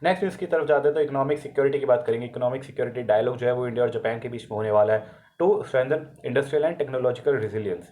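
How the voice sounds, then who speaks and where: A man's voice: medium pitch, fast, dark tone. An Indian man with a sore throat talks through the day's news for exam students. He is casual and chatty, slips English phrases into his Hindi, and stops to correct himself. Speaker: current affairs tutor.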